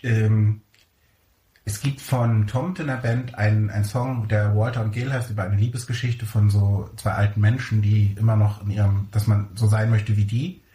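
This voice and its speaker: Man, podcast co-host, mellow dark voice, teasing, echoey room. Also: on the low side, flat delivery, normal speed. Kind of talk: casual chat.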